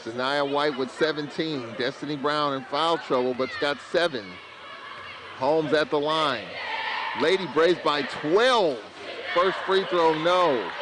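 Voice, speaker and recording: A man calling college basketball play-by-play, bursting into excited calls on big plays. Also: fairly high pitch, slow. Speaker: play-by-play announcer. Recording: crowd and arena noise behind.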